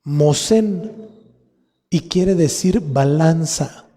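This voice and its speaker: A man with a Mexican Spanish accent preaching a sermon as pastor, teaching slowly and spelling out word roots with repetition. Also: fairly high pitch, warm tone. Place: church hall. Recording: long reverb of a church hall.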